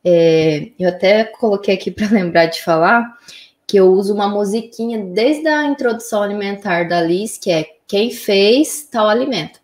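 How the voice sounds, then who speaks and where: A woman, a mother, calmly explaining her views on raising children in casual conversation. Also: medium pitch, moderate pace, roomy sound. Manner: calm, explanatory, frequent "né?".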